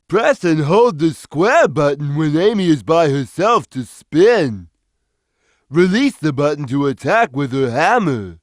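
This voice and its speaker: Big dopey gentle cat for a video game, kinda high for a man, talks slow and simple. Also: dry recording, studio quality. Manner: slow, simple, deliberate instructional delivery. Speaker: video game character giving tutorial hints. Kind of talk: scripted game tutorial voice lines.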